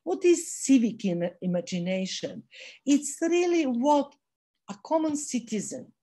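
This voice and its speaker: A woman with a voice giving an online lecture over a video call. She speaks in a measured way and pauses to search for words. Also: high-pitched, big pitch swings, dark tone, husky. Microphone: computer mic on video call.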